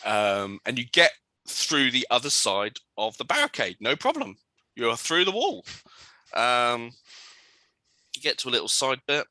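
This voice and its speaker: A man running a tabletop game as game master, relaxed and full of ums as he describes scenes and rules on rolls. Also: mid-range voice, a little slow, no room sound.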